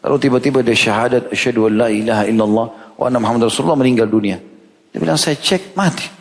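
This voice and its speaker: A male preacher at mid pitch tells a sermon story, acting out each character's lines as he goes. His voice carries a long reverb, as if he is speaking in a large lecture hall. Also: rapid-fire. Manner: retells stories with lively quoted dialogue, shifting pitch for each character. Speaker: Islamic preacher.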